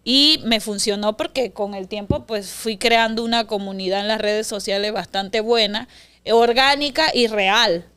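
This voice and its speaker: A young woman, chatting as an interview guest and telling lively stories. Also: medium pitch, measured pace, clear, resonant tone. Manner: lively storyteller, acts out voices. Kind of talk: casual interview chat.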